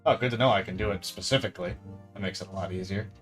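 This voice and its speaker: A man's voice: sits low, rapid-fire, a bit bright, soft background music. A man casually commenting on a video game he plays with his wife, joking and laughing often. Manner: playful, jokey, laughs often. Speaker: let's play host. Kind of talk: casual gameplay commentary, reading dialogue aloud.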